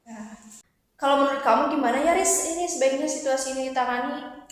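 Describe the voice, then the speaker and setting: A woman acting as a high-voiced company boss, echoey. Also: a little fast, natural voice. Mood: calm, consultative. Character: female company director, calm boss giving instructions. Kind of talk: amateur workplace role-play. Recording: very echoey, reverberant room.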